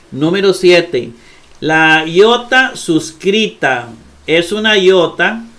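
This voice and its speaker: Male teacher, middle-aged, slightly high and bright voice, slow patient lesson delivery with lots of repetition. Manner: slow, patient, repeats each point and addresses the viewer directly. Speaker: Greek grammar teacher. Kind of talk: recorded online lesson.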